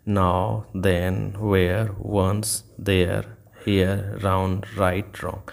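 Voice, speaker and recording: Male tutor, low voice, patient and repetitive, spells words letter by letter. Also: creaky, darkish tone. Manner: patient, repetitive step-by-step explaining. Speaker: English teacher. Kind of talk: explaining grammar rules in Hindi.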